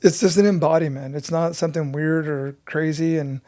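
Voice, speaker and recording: Earnest man with a flat, mellow voice. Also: fairly high pitch, brisk. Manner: earnest, intense storytelling. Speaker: guest, breathwork teacher. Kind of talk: casual interview storytelling.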